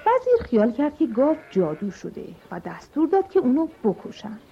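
A woman's voice: high voice, wildly swooping pitch, vocal fry. A woman storyteller reading a children's story aloud with expression, speaking to children. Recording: dull recording with music behind.

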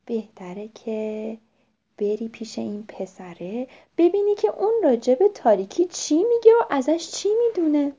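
A woman voicing a calm, coaxing mother owl in a children's story. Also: high voice, breathy edge, exaggerated voice. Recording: dull lo-fi recording.

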